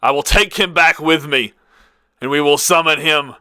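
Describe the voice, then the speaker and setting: A man's voice: a little high, normal speed, pushed and bright, clean tone, no echo. A man voicing a cackling, taunting male villain who delivers grand menacing monologues in a tabletop game.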